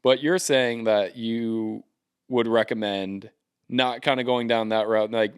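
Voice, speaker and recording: A man's voice: medium pitch, steady tone, slow, smooth. A young man hosting a casual podcast, rambling and joking, with lots of ums and likes, talking into a handheld mic. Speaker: podcast host. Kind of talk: casual chat. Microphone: handheld karaoke-style mic.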